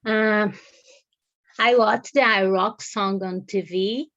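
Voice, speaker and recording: A woman, a language student haltingly reciting practice lines. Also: medium pitch, fairly even intonation, fairly bright tone, no room sound. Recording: dull, dry lo-fi sound.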